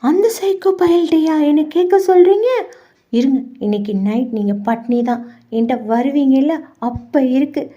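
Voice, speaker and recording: A woman's voice: high-pitched, normal speed, warm tone, close to an everyday voice. A woman voicing a gossipy, bossy married woman who nags and teases, on muffled lo-fi audio. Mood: teasing threat. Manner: nagging, teasing.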